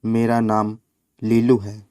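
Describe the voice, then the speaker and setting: A man's voice: lowish voice, monotone, takes it slowly, warm tone, clear, resonant tone, no echo, clean studio sound. Man voicing a cheeky spoiled little boy. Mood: taunting. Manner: taunting, singsong.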